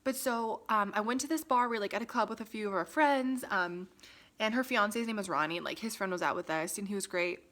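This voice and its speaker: A woman's voice: medium pitch, a little fast, fairly bright tone. Chatty young woman vlogging. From Las Vegas, USA. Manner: chatty, lots of "like" and "um", laughs often. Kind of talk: casual chat to camera. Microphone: phone camera.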